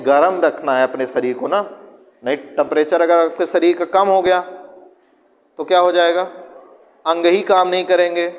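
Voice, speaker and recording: A male teacher giving a conversational classroom lecture, asking and answering his own questions and acting out students and parents in quick asides. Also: a little high, in a large hall.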